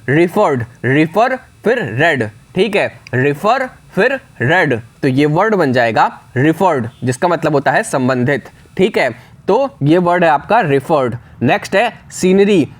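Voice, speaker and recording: A man teaching English spellings for exams, spelling words out slowly letter by letter and checking in often. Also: a little high. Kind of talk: exam spelling lesson.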